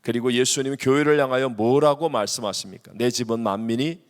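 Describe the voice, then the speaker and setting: A middle-aged man preaching a sermon as senior pastor, lively and acting out prayers, with swings between loud and hushed. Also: mid-range voice, a little fast. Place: large church sanctuary. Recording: long hall reverb.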